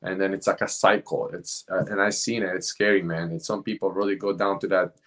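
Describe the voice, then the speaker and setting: A man's voice: sits low, level tone, brisk, a bit bright. A young man, a fitness coach, chatting casually and rambling a little, often tossing in "man" at the end of a phrase. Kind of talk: casual podcast chat.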